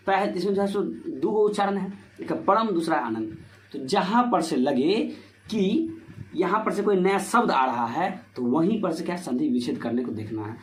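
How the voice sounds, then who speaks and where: A man teaching Hindi grammar for board exams, asking himself questions and filling with "ठीक है" as he explains step by step. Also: sits high. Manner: repetitive rhetorical questions, "ठीक है" fillers. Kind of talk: board-exam grammar lesson. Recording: echoey room with faint noise.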